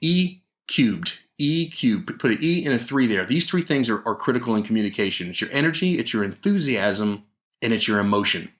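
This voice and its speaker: A man talks straight into a podcast microphone, coaching salespeople in an emphatic, energetic way. His voice sits at an ordinary middle pitch. He often restarts his sentences and throws out rhetorical questions. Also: fairly quick. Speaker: podcast host and sales trainer. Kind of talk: solo podcast coaching talk. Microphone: studio microphone.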